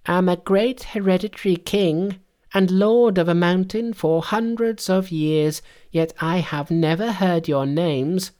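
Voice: medium pitch, measured pace, a little mellow, voice pushed up, lightly acted. A storyteller voicing a brash, boastful monkey king turned priest, cocky and taunting in a storybook tale. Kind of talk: storybook character voice.

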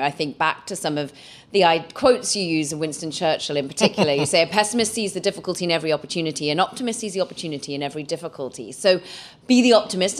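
Very fast, low-pitched female radio host. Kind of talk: broadcast interviewing.

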